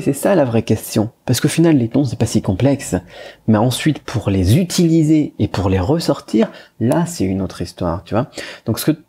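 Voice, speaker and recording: A man teaching Chinese tones, talking informally in a casual pitch for his course, repeating himself with many fillers and restarts. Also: mellow, slightly rough. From France.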